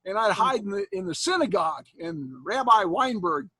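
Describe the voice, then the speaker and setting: Folksy and joking, this Iowa college instructor in his sixties laughs often as he chats casually with students after an online class. His husky, higher male voice swings hugely in pitch at a moderate pace, with a sharp tone. He's calling from home, and his computer mic is close and dry, with no echo.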